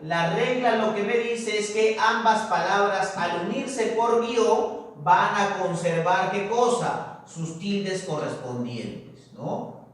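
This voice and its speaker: A male teacher giving a grammar lesson, repeating key words slowly and constantly checking understanding with tag questions. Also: high voice, animated. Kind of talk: classroom grammar lecture. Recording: very echoey room, distant mic.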